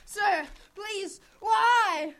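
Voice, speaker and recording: A woman's voice: sits high, lively intonation, slow pace, noisy background. A woman playing a suspicious teenage schoolboy who yelps and protests in alarm. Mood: frantic.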